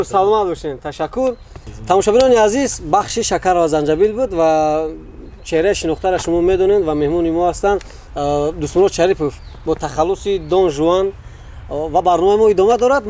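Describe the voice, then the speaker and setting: A man's voice: high-pitched, dark tone, a little hiss or hum. Playful Tajik-accented male host. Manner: playful, laughing often, explaining game rules. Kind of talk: casual comic quiz segment.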